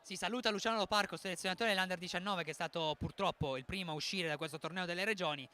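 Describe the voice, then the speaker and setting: A man commentating a youth football final live, his voice pitched high and bright. He rattles along quickly and celebrates with emphatic energy. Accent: Italian.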